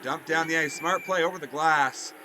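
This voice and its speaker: A man giving excited play-by-play commentary on a video game hockey league, his voice jumping up on big plays and drifting into chatty asides. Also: moderate pace, music in the background. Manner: rises sharply in pitch and volume on big plays, chatty asides.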